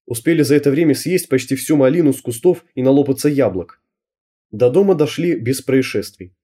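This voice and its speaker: A man narrating an audiobook in a lively storytelling manner. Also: medium pitch, brisk. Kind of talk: scripted narration.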